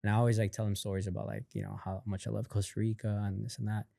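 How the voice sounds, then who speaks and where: A man guesting on a podcast, telling a personal story in a casual, animated way, acting out what others said, with lots of fillers. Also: on the low side, racing, vocal fry, no room sound, clean studio sound. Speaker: podcast guest, company founder.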